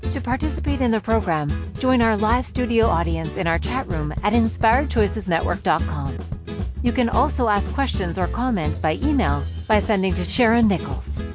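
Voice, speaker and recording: A woman's voice: mid-range voice, expressive, moderate pace. A woman reading a scripted announcement for a show. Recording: dull audio with music underneath. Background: music.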